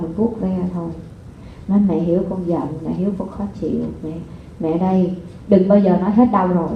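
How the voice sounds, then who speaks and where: A woman gives a seminar to a live audience. She keeps asking the listeners rhetorical questions. Her voice sits at a middle pitch and carries a strong hall echo through a thin, phone-like recording with faint noise. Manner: lively, addresses the audience with repeated rhetorical questions. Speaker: parenting seminar speaker. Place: lecture hall before an audience.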